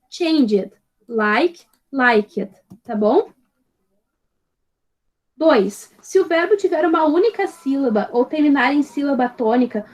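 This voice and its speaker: A woman teaching an English grammar lesson, patient and explaining step by step, checking in with her students after nearly every phrase. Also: high voice. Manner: spells out examples slowly and clearly.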